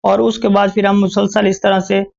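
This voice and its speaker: A woman teaching a shorthand lecture, explaining slowly with many repeats and fillers. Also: medium pitch, level tone, vocal fry, darkish tone. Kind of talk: recorded lecture. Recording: dull lo-fi recording.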